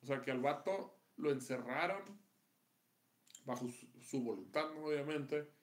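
A man's voice: mid-range voice, unhurried. A man with a Mexican accent, co-hosting a casual podcast with crude, profane, slang-heavy banter. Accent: Mexican Spanish. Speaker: podcast co-host. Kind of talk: casual comedic chat.

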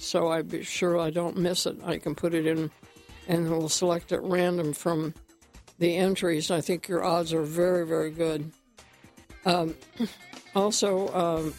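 A woman hosting a morning health radio show, chatting casually, slightly out of breath and clearing her throat often. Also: lowish voice, darkish tone. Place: radio studio.

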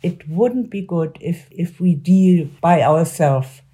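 Halting woman with a German accent. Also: on the low side, warm tone, husky. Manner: halting, searching for words in a second language. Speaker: former member of parliament, interview guest. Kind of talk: interview answers on politics.

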